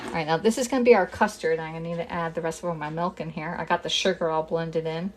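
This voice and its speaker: Middle-aged Pennsylvania woman, low-ish voice, chatty live cooking host in a home kitchen. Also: steady tone, quick pace, heavy background noise. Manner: chatty, talks through each step, greets viewers, jokes with herself. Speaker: cooking demonstrator and kitchenware consultant. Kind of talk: casual live-streamed cooking demo.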